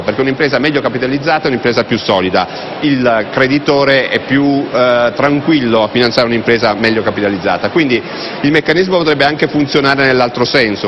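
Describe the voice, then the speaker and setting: A man, a fund manager answering interview questions with frequent hesitations. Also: mid-range voice. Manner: hesitant, many fillers and restarts. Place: convention hall TV set, indoors. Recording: muffled broadcast audio with background noise.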